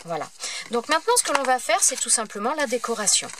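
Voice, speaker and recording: A woman's voice: fairly high pitch, big pitch swings, quick pace, background noise. Chatty woman demonstrating a paper craft. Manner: chatty, hesitant, many fillers and self-corrections. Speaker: crafting tutorial host. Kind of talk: casual step-by-step craft demonstration.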